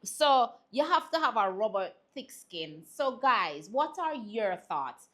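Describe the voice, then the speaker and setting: A woman with a Jamaican accent hosting a talk show, chatting and telling animated stories in patois. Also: on the high side, takes it slowly. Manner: animated storytelling in patois, laughs often. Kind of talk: casual panel chat.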